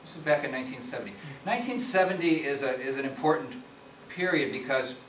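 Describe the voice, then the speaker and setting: A middle-aged Chicago-area policy researcher speaks fast, with lively intonation and a medium-pitched, fairly bright voice, as he presents slides in a conference meeting room. He's conversational but keeps restarting and repeating words. The recording is distant, echoey, and noisy.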